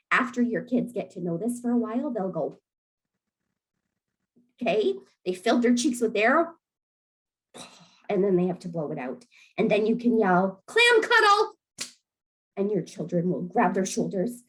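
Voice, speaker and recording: Gentle, encouraging woman teaching breathing. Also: medium pitch, normal speed, poor audio. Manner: gentle, encouraging, laughs easily. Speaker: early years program facilitator. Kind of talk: friendly instructional demonstration.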